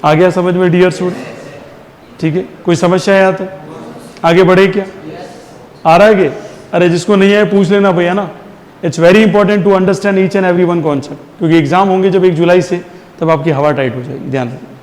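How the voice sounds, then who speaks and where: A man with a high voice teaches a physics class. He keeps firing questions at the students and answering them himself, drilling each point, and slips English terms into his talk. His voice rings with a long reverb, as if the room is a large hall. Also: steady tone, normal speed, darkish tone. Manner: mixes Hindi with English terms. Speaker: science teacher.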